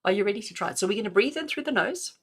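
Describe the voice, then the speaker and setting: A middle-aged woman, a spiritual healer, leading a live breathing lesson, switching between slow calm counting and animated, laughing explanation. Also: mid-range voice, husky. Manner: animated, laughs often, counts slowly and calmly.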